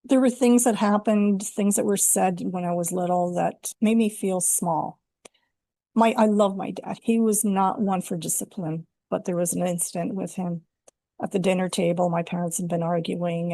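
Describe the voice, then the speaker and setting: A woman's voice: on the low side, steady tone, moderate pace, mellow, no room sound, clean studio sound. An older woman from Canada, a life coach, telling her personal story earnestly and reflectively in an interview. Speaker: guest, women's life coach.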